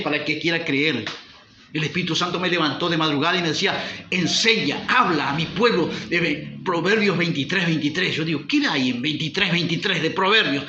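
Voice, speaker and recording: A man's voice: a little high, pushed and bright, reverberant, highs cut off, slight background noise. A man preaching a sermon as pastor, driving points home with rhetorical questions. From Uruguay.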